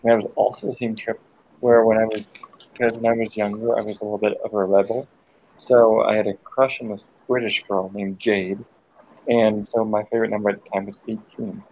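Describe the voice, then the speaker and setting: A brisk American man with a fairly low, darkish voice and little pitch movement tells a sprawling, profane story to friends over voice chat. When they interrupt, he stops now and then to snap at them. The audio is dull and lo-fi, carrying a little hiss or hum.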